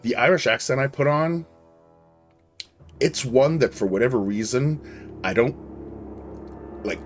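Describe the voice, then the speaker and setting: A man's voice: medium pitch, a bit bright. A man streaming a game live, chatting casually and rambling off on tangents as he answers his chat.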